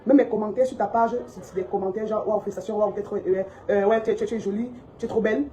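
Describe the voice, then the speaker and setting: Woman, shop owner, scolding rant, rapid delivery, mellow tone, recorded on a phone. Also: medium pitch, steady tone, a little hiss or hum, rough recording. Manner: indignant, scolding, repetitive. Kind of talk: heated monologue to followers. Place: her cosmetics shop.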